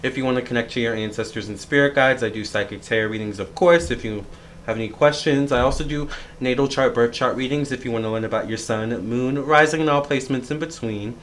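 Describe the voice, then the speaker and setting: A thirty-year-old man sits and talks to his audience in a casual vlog, rambling and circling back with fillers and restarts. His voice sits at an ordinary middle pitch for a man. His tone is easygoing and reflective. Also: fast talker, fairly bright tone, a little hiss or hum. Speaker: tarot reader and astrologer.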